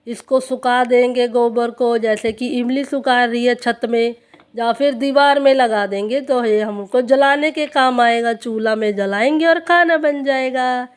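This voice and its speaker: A woman's voice: on the high side, close to an everyday voice. A woman voicing a tired, patient village farmer father with rustic speech in a doll play story.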